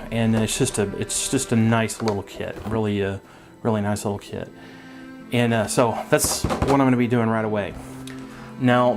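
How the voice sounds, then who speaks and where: Guy with a lowish voice chatting about his model kits at his bench, lots of ums, soft music behind. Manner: relaxed, rambling, frequent ums and uhs. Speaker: scale model hobbyist channel host. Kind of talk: casual channel update. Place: hobby room at his workbench.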